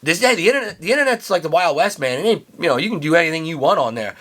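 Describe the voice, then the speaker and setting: Rapid-fire and lively in intonation, this forties-aged co-host speaks in a voice on the high side with a bit of brightness. He teaches high school and has a Pennsylvania Dutch-influenced American English accent, and in casual chat he's folksy and joking, often restarting his sentences.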